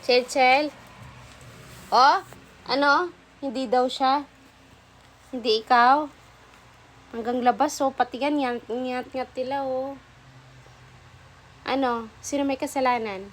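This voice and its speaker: A dog owner vlogging casually at home talks to her dogs, scolding them in jest and coaxing them along. She speaks slowly and in a steady, high-pitched voice, pausing often, and the recording is rough.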